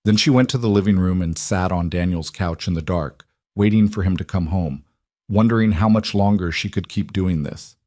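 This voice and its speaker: Low-voiced male story narrator. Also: normal speed, darkish tone, no room sound, clean studio sound. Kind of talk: scripted narration.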